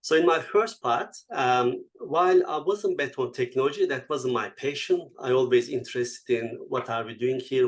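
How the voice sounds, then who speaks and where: A man in his fifties with a Turkish accent speaks as an interview guest. He talks reflectively and unhurriedly, with frequent "uh" fillers and non-native phrasing. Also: mid-range voice. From Turkey. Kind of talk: conversational interview answers.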